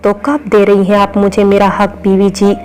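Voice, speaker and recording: A woman's voice: medium pitch, completely flat delivery, normal speed, darkish tone, soft background music, natural voice, rough recording. A playful young husband from a romance story, teasing his wife, read by a woman narrator. The voice stays level, with very little rise and fall.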